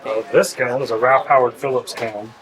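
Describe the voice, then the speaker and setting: A man who grew up with pottery, explaining in a relaxed, easygoing way and laughing easily. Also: medium pitch, moderate pace, low-quality recording. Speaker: potter and kiln site host. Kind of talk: casual interview. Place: outdoors at a kiln festival. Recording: outdoor festival with crowd behind.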